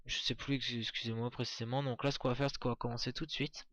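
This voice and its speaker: A man's voice: mid-range voice, flat delivery, quick pace, a bit bright, dry recording. A man giving casual, chatty commentary on a game walkthrough, hesitant, with many fillers and restarts. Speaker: gameplay commentator.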